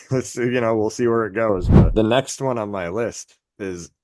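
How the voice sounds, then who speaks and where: A man's voice: lowish voice, normal speed, a little mellow, no echo, studio quality. A man co-hosting a podcast in a casual chat, rambling, swearing and laughing at his own jokes. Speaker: podcast co-host.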